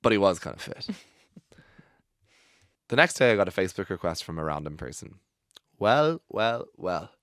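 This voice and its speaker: A low-pitched man reads a personal story aloud as a podcast host. His delivery is expressive, often breaking into laughter. The studio sound is close and dry. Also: moderate pace, long pauses, no echo. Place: recording studio.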